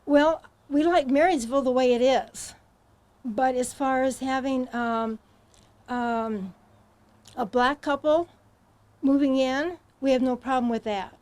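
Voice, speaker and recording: High-voiced, halting woman guest. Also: fairly even intonation, a little mellow. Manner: hesitant, halting, many ums. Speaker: talk show guest. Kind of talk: studio interview answers.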